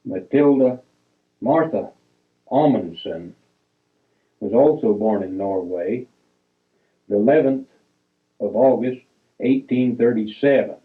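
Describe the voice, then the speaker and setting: An older man talks through old family photos at an unhurried, plodding pace, stopping between names and dates and fixing his own slips along the way. His voice sits at an ordinary middle pitch, and the sound is thin and boxy, as if it came over a phone line. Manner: halting, reads dates piece by piece, corrects himself. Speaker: family storyteller. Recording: tinny, phone-like recording.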